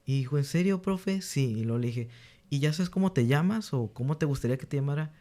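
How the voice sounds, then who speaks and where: A young man speaks in a relaxed interview, his voice sitting in an ordinary middle pitch. He tells candid stories of his students, acting out their lines as he goes, often restarting sentences as he gathers his thoughts. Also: fast talker. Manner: earnest, reenacts dialogue with students, frequent restarts. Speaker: guest, teacher.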